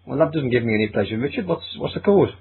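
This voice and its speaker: A man co-hosting a deadpan comedy sketch with a dry, mock-sympathetic manner, over a phone-like lo-fi recording. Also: medium pitch, racing, a little hiss or hum. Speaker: co-host. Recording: phone-like lo-fi sound.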